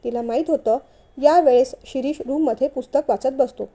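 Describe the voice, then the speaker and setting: A woman narrating a family novel in a steady storytelling manner. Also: high voice, a little fast. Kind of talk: scripted narration.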